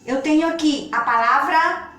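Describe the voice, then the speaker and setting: A woman with a Brazilian Portuguese accent teaching a children's grammar lesson, speaking slowly and patiently and stretching out her words. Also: high-pitched, pushed and bright. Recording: echoey room, far from the mic.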